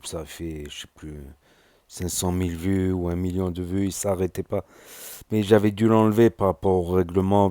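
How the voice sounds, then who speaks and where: Low, mellow male YouTube commentator. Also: no echo. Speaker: YouTube host. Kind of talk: casual commentary outro.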